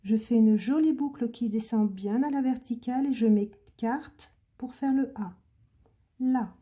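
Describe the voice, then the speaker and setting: Slow, patient woman teaching handwriting. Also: on the high side, dark tone. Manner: slow, patient, clearly articulated dictation. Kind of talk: handwriting lesson, step-by-step instruction.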